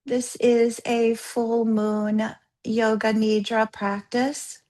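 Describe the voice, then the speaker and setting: This woman, a yoga therapist, leads a guided yoga nidra practice at a fairly high pitch with a level tone. She instructs gently and slowly, in a calming manner with pauses.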